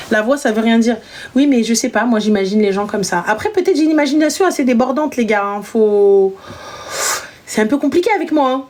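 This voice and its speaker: A young woman hosts a live chat in a high voice. She talks in animated, slangy bursts. She teases her callers and gives them blunt big-sister advice. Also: a little fast. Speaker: live stream host giving advice.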